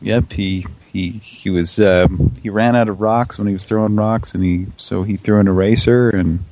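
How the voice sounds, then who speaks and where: A man hosting a prank call show, deadpan and hesitant, with many restarts. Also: fairly low pitch, moderate pace. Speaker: host.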